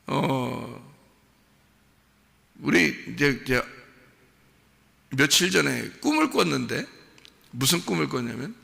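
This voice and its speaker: A male pastor preaching a sermon, swinging between near-shouting and hushed, intimate storytelling. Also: mid-range voice, vocal fry. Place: church sanctuary. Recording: long reverb of a large hall.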